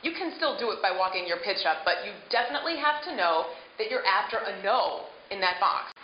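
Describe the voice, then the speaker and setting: A woman's voice: medium pitch, animated, brisk. A middle-aged woman giving instructional workshop talk as a voice acting coach, with emphatic delivery. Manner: emphatic, demonstrating script lines. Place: hotel conference room stage. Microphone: handheld microphone. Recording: echoey, dull hotel room recording with hiss.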